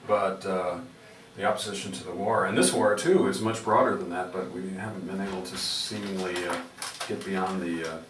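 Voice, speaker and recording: A low-voiced man in the manner of a public radio host, conducting a conversational interview. He thinks aloud with wry asides and halting phrasing. The recording is echoey and distant, with clear background noise. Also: steady tone.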